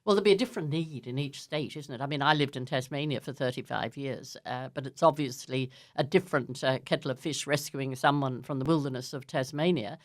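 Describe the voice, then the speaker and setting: An older woman hosts a radio interview in a low, deep voice. She talks gently and haltingly, pausing often with fillers as she leads the conversation. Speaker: radio host.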